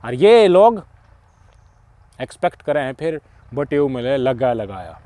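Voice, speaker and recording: With a Haryanvi accent, a middle-aged man hosting a channel preaches forcefully about society, shifting from loud outbursts into muttered asides. His medium-pitched voice is sing-song and measured in pace, with no room sound.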